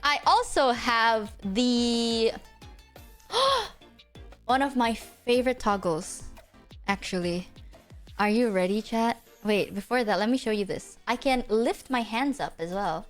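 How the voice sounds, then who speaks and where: A woman's voice: on the high side, expressive, takes it slowly, faint music behind. A woman hosting a casual live stream, chatting to viewers in a cute, playful, teasing anime-streamer manner. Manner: giggly, teasing, exclamatory. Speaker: streamer host.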